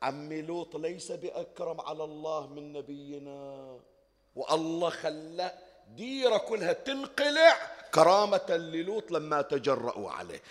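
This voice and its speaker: Impassioned preacher in an echoing hall. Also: male voice, on the high side, big pitch swings, normal speed. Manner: swings between loud emphatic declaiming and quiet asides. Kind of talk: religious sermon. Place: large mourning hall. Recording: long hall reverb.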